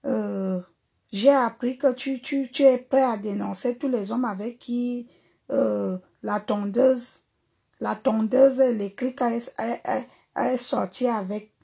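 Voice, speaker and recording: A woman's voice: on the high side, fairly even intonation, slow pace, creaky, warm tone, slightly rough. A woman singer delivering an angry, mocking social media rant, hurling repeated insults. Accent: Cameroonian.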